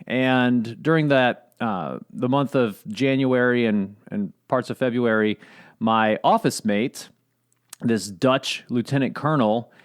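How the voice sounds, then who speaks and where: A middle-aged man co-hosting a podcast, chatting in a relaxed way and laughing easily. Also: medium pitch, slow pace. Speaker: podcast co-host. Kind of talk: casual conversational podcast.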